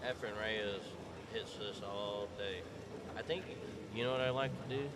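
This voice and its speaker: A man's voice: lowish voice, fairly even intonation, normal speed, heavy background noise. A man doing casual, joking commentary on a pool match for a live stream. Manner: loud, joking, drops to a playful whisper.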